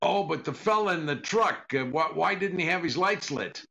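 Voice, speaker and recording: An older actor plays a dry, exasperated comedian husband in a 1940s-style radio comedy. His gravelly voice sits on the high side at normal speed, pushed, bright, animated and heavily acted, as he stammers and repeats his questions.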